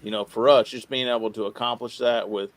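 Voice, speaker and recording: Man, medium pitch, informal podcast guest, rambling and halting delivery, loose swearing. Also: steady tone. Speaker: podcast guest, radio show co-host. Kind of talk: casual interview talk.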